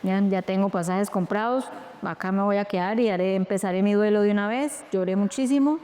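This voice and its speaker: A Colombian woman, an interview guest, retelling a painful personal story in a lively, animated way with quoted dialogue. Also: medium pitch, a little fast, a little hiss or hum.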